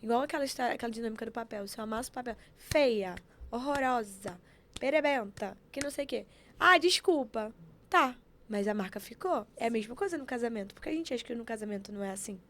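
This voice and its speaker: A woman telling stories in an animated, preachy way, acting out quotes as she chats on a podcast. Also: on the high side, fast, slight background noise. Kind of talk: casual chat.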